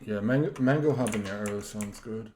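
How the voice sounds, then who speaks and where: A man's voice: on the low side, noisy background. Man running a tabletop game, echoey room. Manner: halting, with many fillers and restarts. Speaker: game master. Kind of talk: casual chat before a tabletop game.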